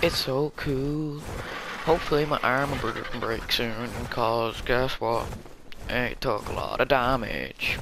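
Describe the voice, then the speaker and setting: Man, gaming commentary, rambling, jokey, middle pitch, game noise behind. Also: steady tone, slow. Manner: rambling, jokey, laughs at himself. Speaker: gaming YouTuber. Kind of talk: casual gameplay commentary.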